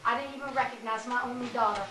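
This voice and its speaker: A brassy, wisecracking housewife holds court in a high, bright voice, as a woman plays her on stage. The sound is roomy and distant, caught from far back in a small theater over loud hiss. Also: steady tone, fast, a crowd in the background, lightly acted. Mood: gossiping. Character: brash gossipy Texas housewife, mother of unruly kids. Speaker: stage actor. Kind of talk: live stage play.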